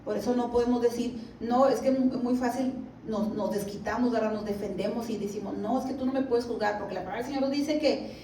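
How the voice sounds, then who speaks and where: A woman giving a church Bible lesson, reading scripture slowly and often asking her listeners to agree. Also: a little high, fairly even intonation, warm tone. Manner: reads scripture slowly, asks the listeners "¿verdad?". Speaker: Bible teacher. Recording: echoey room, mic at a distance, faint background noise.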